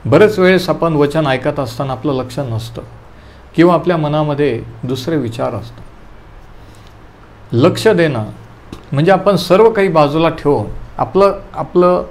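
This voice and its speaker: With a fairly high-pitched voice, this male preacher leads a Bible study in a calm teaching manner. He tells his listeners to underline verses and slips English terms into his speech.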